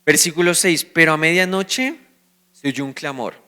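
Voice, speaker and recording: A pastor with a Colombian accent preaches a sermon, explaining scripture in a teaching style and posing questions to the congregation that he answers himself. His voice is a little high, clear and resonant with a sharp tone, at a moderate pace.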